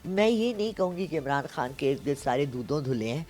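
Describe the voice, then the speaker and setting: A woman in her sixties, a palm reader, telling stories in a casual interview and often checking in with her listener. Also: low voice. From Pakistan. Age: 60s. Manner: animated storyteller, frequent "theek hai?" check-ins.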